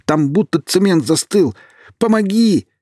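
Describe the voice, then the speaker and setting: A man voicing a young male killer sinking in quicksand, shouting and begging in a husky voice. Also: high voice, very animated, no echo, pitched above the performer's own voice, full character voice. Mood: panicked. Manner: shouting, begging, then whimpering like a child. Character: young man, trapped killer, panicking and vicious.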